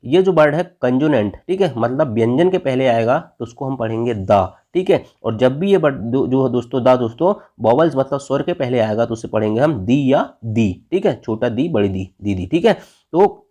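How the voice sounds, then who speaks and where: A man's voice: mid-range voice, expressive, fairly quick, dark tone. Indian man teaching, asking himself questions. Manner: constantly asks and answers his own questions; tags phrases with "theek hai". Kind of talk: exam-prep grammar lesson.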